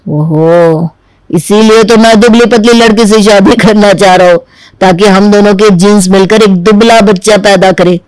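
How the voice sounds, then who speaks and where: A man's voice: high-pitched, fairly even intonation, moderate pace, a little mellow, clear, resonant tone, no room sound, natural voice, low-quality recording. A man voicing a whiny stubborn chubby groom. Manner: whiny, argumentative. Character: stubborn chubby young man seeking bride. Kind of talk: Hindi cartoon dubbing.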